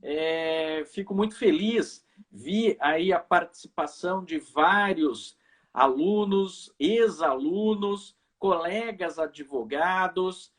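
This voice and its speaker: Um professor de direito brasileiro apresentando uma live, falando de forma pausada e cortês. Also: male voice, sits high. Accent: Brazilian. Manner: measured, courteous. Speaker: host, law professor. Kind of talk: live video chat. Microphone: video call.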